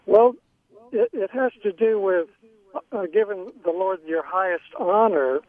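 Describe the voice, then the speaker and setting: High-voiced man calling in on a tinny phone line. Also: no room sound. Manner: hesitant, halting, with many ums and restarts. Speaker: caller. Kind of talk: phone-in question.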